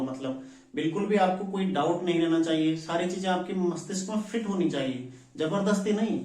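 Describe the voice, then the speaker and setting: Recorded at a distance in an echoey room, this classroom lecture comes from a man with a high-pitched, darkish voice. Coaching students for an exam, he repeats every term and keeps checking in, frequently using "ठीक है" and "ध्यान रखिएगा".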